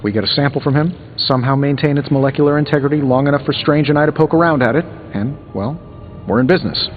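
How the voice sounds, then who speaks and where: A man's voice: medium pitch, quick pace, narrow, tinny audio, soft background music, lightly acted. A man playing a cocky, sarcastic armored superhero inventor in a video game, full of wisecracks. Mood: confident, wry. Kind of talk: video game character dialogue.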